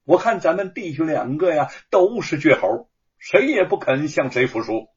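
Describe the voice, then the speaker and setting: A man's voice: on the high side, very animated, moderate pace, a little mellow, breathy edge, lo-fi sound, full character voice. A man voicing Wu Cheng'en, a stubborn, idealistic male scholar and writer in a told story, speaking with heartfelt conviction. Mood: jovial.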